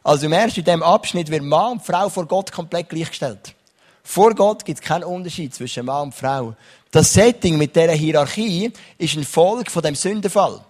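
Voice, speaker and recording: A man's voice: fairly high pitch, moderate pace. A young man preaching a sermon as pastor, reading Bible verses and often turning to his listeners with a questioning "oder?". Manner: lively preaching, reads Bible verses, asks the crowd "oder?".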